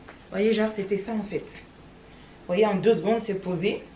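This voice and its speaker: A woman's voice: medium pitch, steady tone, moderate pace, mellow, a little hiss or hum. A young woman from Cameroon with a French accent, chatting casually to her vlog audience, rambling with lots of fillers. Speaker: vlogger.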